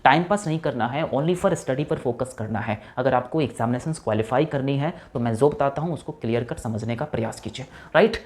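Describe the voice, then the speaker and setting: A man's voice: mid-range voice, a little fast, few pauses, darkish tone. Man, teacher, exam-prep vocabulary lesson, spells words letter by letter, repetitive drilling, frequent check-ins. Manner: drills with repeated check-ins like "right?" and "okay".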